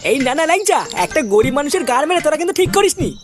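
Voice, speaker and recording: A woman's voice: high-pitched, animated, racing. A woman voicing a brash, bossy cartoon village lad. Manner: brash, scolding. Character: bossy young village man, gang leader. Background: background music.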